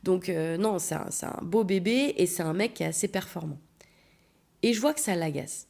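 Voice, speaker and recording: A woman with a lowish, gravelly voice tells a story on her podcast. She talks casually and bluntly, and acts out what each person said with lively energy. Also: normal speed. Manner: blunt, animated, acts out quotes. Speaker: podcast host.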